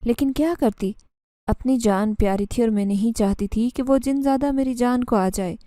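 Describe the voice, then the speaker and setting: A woman narrating a first-person horror story in a steady, scripted storytelling manner. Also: on the high side, no room sound.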